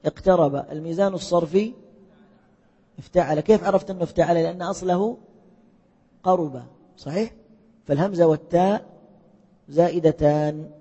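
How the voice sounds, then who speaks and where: Here a husky, mellow-voiced male teacher, pitched on the high side, speaks at a moderate pace with frequent pauses. He quizzes his class rapidly and echoes their replies, all captured in muffled lo-fi sound with a big hall's lingering reverb.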